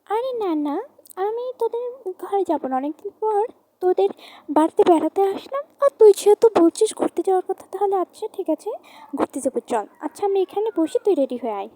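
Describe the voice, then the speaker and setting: A woman's voice: extremely high pitch, expressive, fairly quick, mellow, no room sound. A woman playing a brash, reassuring young woman in an amateur horror audio drama. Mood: casual. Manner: brash, teasing.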